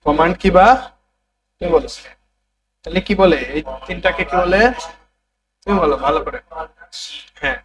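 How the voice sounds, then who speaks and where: A man's voice: high voice, normal speed, pauses often, fairly bright tone, poor audio. A man teaching a computer class, repeating terms and prompting students to say them back. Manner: repetitive, drilling students to answer back. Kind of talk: classroom lesson.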